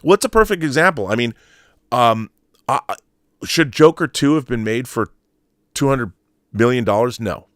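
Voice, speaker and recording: An animated American livestream host with a mid-range, fairly bright voice talks at a moderate pace, leaving long pauses. He reads viewer comments and offers casual, emphatic opinions, often repeating phrases to stress them. The recording is dry and studio quality.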